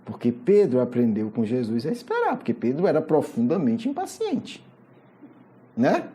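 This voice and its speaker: A Brazilian Portuguese-accented spiritist lecturer tells a Gospel story with an animated storyteller's delivery. The pitch swings high and low through each phrase over a mellow, dark tone. Frequent questioning asides break up the telling. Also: moderate pace.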